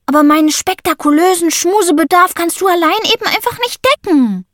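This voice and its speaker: A woman voicing an exuberant, cuddle-loving young boy who talks in squeaky, gushing, drawn-out words. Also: fairly bright tone, dry recording, studio quality.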